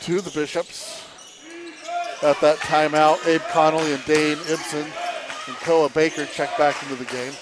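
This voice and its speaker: A man doing live play-by-play commentary on a basketball game. He calls the action briskly and rises into shouts on the big plays. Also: fairly high pitch, level tone. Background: basketball game noise.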